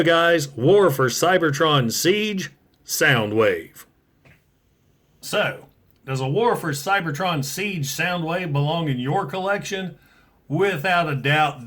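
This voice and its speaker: A man's voice: a little high, fairly bright tone. An American man hosting a toy review video, talking casually and enthusiastically like a fan. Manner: enthusiastic, informal fan talk. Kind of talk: casual product review to camera.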